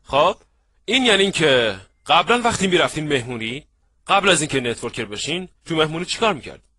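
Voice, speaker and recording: Casting note: male seminar trainer, husky edge, dry close sound, lively, acts out scenes. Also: on the high side, dry recording. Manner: lively, acts out little scenes, asks the audience if they follow. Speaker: networking trainer. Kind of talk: animated seminar lecture.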